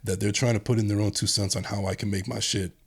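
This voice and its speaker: A man's voice: fairly low pitch, little pitch movement, quick pace, vocal fry, husky. A man hosting a podcast, talking bluntly and casually and swearing freely in a studio chat. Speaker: podcast host.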